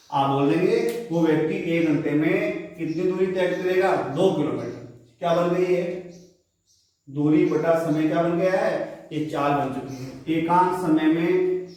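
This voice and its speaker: A man's voice: fairly high pitch, a little mellow. Male physics teacher in an echoey room, picked up from a distance. Lecture style, drags out key terms. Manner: asks the class questions and answers them himself; slows down and stretches out key phrases. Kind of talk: classroom lecture.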